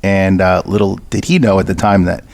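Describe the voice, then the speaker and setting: A man guesting on a podcast, telling his faith story earnestly with frequent pauses. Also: deep voice, flat delivery, gravelly, darkish tone, no echo. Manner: earnest, many fillers. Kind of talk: interview storytelling.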